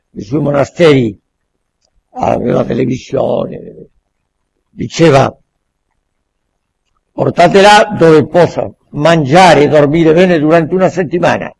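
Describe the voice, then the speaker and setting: A man giving a public lecture in Italian, haltingly searching for words and repeating phrases for emphasis. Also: on the high side, vocal fry, a little mellow, breathy edge, rough recording. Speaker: guest lecturer. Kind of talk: public lecture with questions and answers.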